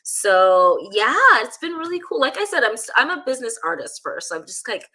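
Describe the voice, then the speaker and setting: A woman speaking as a guest in a casual interview, candid and animated, often using "like" as a filler. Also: on the high side, brisk.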